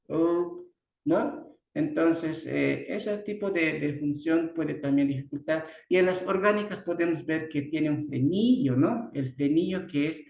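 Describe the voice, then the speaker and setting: Slow, halting Bolivian lecturer in an echoey room. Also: male voice, on the high side, gravelly, highs cut off. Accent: Bolivian Spanish. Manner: halting, many restarts and "¿no?" tags. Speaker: speech therapy lecturer. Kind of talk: online lecture. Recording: roomy echo.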